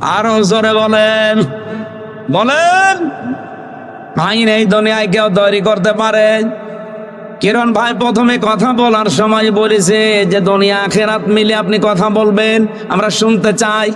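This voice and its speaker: A man with a Bangladeshi accent preaching an Islamic sermon in a booming, forceful voice, prompting his listeners with questions. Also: little pitch movement, measured pace. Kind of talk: waz sermon to an audience. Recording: long reverb of a PA system.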